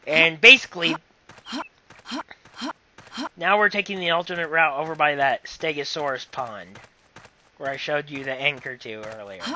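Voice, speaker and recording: A man's voice: a little high, normal speed, pauses often, pushed and bright. A man giving casual, rambling commentary over a game playthrough, apologetic and given to corny jokes. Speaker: gameplay commentator.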